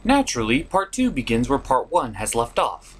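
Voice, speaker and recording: Hosting an online puppet review show, a man reviews a cartoon in a comedic, scripted way, sounding theatrical, sarcastic, and exasperated. His mid-range voice is sing-song with a breathy edge, at a moderate pace.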